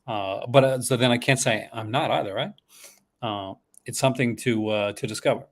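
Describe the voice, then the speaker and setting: Male host, Newfoundland accent, mid-pitched voice, loose casual livestream delivery, excitable and rambling. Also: moderate pace. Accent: Newfoundland Canadian. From Newfoundland, Canada. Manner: rambling, excitable, chuckles often. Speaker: horror movie collecting channel host.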